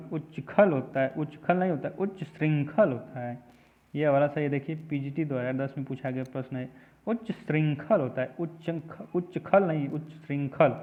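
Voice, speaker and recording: A man with a slightly raised voice teaches a spelling lesson, patiently repeating every word and its correct form. The sound is thin and tinny, as if recorded on a phone. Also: fairly high pitch. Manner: repetitive, drills each word slowly. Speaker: exam prep teacher.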